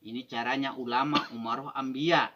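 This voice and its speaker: A man's voice: mid-range voice, steady tone, fairly quick, pushed and bright, lo-fi sound. A man from Indonesia teaching Sufi mysticism in a rhythmic, emphatic way, often ending points with "begitu". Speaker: religious teacher.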